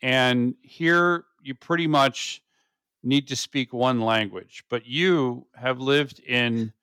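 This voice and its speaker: A man's voice: mid-range voice, slow, pushed and bright, smooth, no room sound, clean studio sound. A man born and raised in the United States hosting an interview, asking curious questions in a chatty way with frequent "you know". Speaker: interview host. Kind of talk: casual interview conversation.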